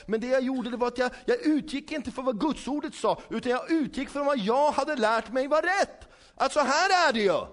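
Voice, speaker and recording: A man preaches a sermon in a lively, conversational style, frequently asking his listeners questions. He acts out the dialogue he retells, dropping low and soft for asides.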